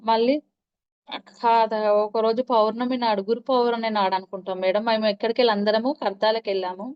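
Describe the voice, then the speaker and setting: Woman telling stories, smooth voice. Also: a little high, flat delivery, brisk. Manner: storytelling with many acted quotes and restarts. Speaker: meditation practitioner interviewed. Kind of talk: recounting personal spiritual experiences. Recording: dull lo-fi recording.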